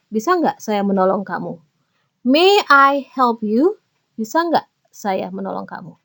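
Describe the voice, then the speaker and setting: Woman teaching English phrases. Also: fairly high pitch. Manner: reads English example phrases slowly and clearly, then explains them in Indonesian. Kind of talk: bilingual grammar lesson.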